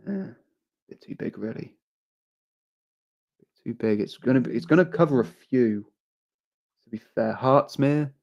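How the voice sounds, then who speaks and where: His voice is mid-range and a bit mellow as he hosts a live stream. He drifts through casual remarks and viewer comments, repeating himself and frequently beginning sentences again.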